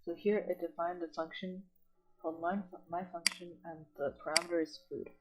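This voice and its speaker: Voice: medium pitch, level tone, moderate pace, rough recording. Tutor explaining code, mid-range voice, patient step-by-step delivery, faint music behind. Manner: reads documentation aloud, then explains it plainly in own words. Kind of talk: online coding lesson walkthrough.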